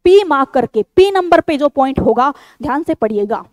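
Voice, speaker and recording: A woman with a high, bright-pitched voice coaches a group of exam candidates, speaking directly to them. She is firm and insistent, and she hammers home each point by repeating it. The sound is close and dry, with no room echo. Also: expressive, moderate pace. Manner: addresses viewers as a group. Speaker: online exam-prep tutor. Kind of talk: direct-to-camera instructional talk.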